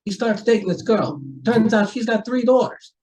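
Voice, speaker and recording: A folksy radio-play detective, acted by a man with a high-pitched voice. He rambles courteously, pausing and hedging like someone nosing around politely. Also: a little mellow, close to an everyday voice, poor audio. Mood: affable, probing. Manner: halting, chatty, courteous. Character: folksy, rambling, politely nosy homicide police sergeant. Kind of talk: amateur radio mystery acting.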